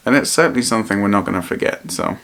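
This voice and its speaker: A man vlogging in a reflective, personal way, speaking earnestly and haltingly and often repeating his phrases. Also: lowish voice, expressive, creaky, fairly bright tone. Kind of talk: personal vlog to camera, reflective talk.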